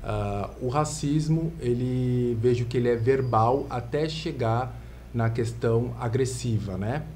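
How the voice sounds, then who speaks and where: Measured Brazilian man from Santos. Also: mid-range voice, slight background noise. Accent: Brazilian Portuguese, Santos. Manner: calm, measured explaining. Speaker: lawyer, guest. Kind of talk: podcast interview. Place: podcast studio.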